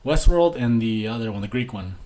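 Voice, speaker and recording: A man's voice: medium pitch, expressive, fairly quick, warm tone. A young man co-hosting a casual podcast chat, joking around and laughing often. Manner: jokey, laughs often, does silly pirate voice. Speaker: podcast co-host.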